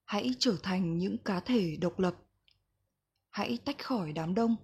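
A woman reading a reflective book passage aloud in a slow, gentle, measured way. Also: mid-range voice, husky. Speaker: book reader.

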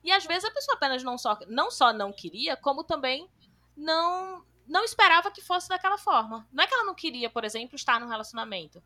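A woman hosting a podcast, reading listener comments aloud and chatting, running one thought into the next with hardly a pause. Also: sits high, animated, sharp tone. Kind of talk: casual chat.

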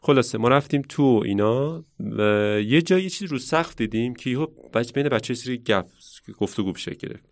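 A man who works as a science educator, telling stories in a relaxed conversational way and thinking aloud as he reflects. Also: mid-range voice, hardly any pauses, no echo, clean studio sound. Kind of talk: casual conversational storytelling.

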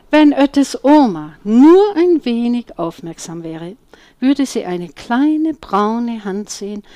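Slow, expressive woman storyteller. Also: fairly high pitch. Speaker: audiobook reader. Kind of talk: children's story reading.

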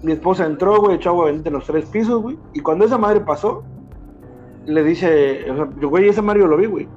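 Fast slangy Mexican man, fairly high voice, casual chat, muffled lo-fi sound with faint music. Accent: Mexican Spanish. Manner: slangy, animated, peppers speech with filler words.

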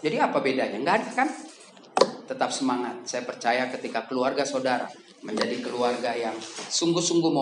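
A man preaching a lively, joking sermon to young people in a casual manner, with sudden loud bursts. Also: mid-range voice. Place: church hall. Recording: echoey hall with background noise.

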